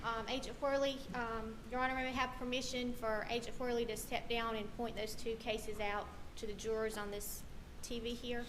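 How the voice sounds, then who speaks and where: A woman's voice: on the high side, moderate pace, few pauses. Woman prosecutor in a courtroom recording. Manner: steady, methodical, with frequent ums. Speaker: prosecutor questioning a witness. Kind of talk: courtroom examination. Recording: courtroom recording with clear room noise.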